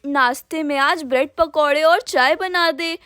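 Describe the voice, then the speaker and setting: A woman's voice: sits high, unhurried, pushed and bright, no echo, clean studio sound. A woman voicing a bossy, fussy old village grandmother in a doll cartoon, grumbling and scolding.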